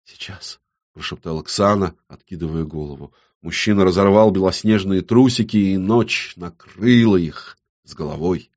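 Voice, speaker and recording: A man with a lowish voice reads an audiobook aloud, keeping his delivery measured and intimate. The recording sounds muffled and lo-fi, with the top end dulled. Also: darkish tone. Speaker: audiobook narrator. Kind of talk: scripted audiobook narration.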